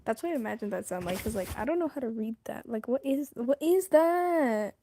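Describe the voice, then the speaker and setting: A woman's voice: fairly high pitch, lively intonation, fairly quick, mellow, dry recording. A woman streaming herself reading a novel aloud. She stumbles over words and stops to comment on the story. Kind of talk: casual read-aloud on a livestream.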